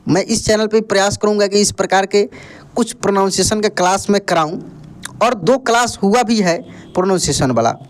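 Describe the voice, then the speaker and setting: A man's voice: high voice, a little fast. A man teaching a lesson, explaining step by step and drilling words by asking and answering his own questions. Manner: explanatory, addresses viewers as friends. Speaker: online English tutor. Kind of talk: classroom-style lesson.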